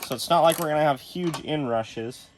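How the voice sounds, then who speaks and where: A man's voice: fairly high pitch, moderate pace, slight background noise. A young man casually walking viewers through troubleshooting electronics in his workshop studio, explaining each step as he goes. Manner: shaken and excited at first, then calm explaining. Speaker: electronics repair video host. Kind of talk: casual hands-on demonstration.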